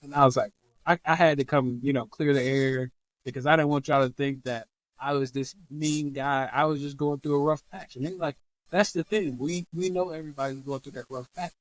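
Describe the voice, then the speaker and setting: A man's voice: mid-range voice, fairly quick, no room sound, rough recording. A man, a podcast guest on a remote call, telling his story casually in an interview and acting out the people he quotes. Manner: animated, acts out quoted voices.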